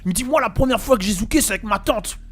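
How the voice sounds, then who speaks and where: A man's voice: high voice, very fast, husky, soft background music. A man hosting a casual chat with friends, telling a funny story and acting out the voices in it. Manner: animated, acts out quoted voices.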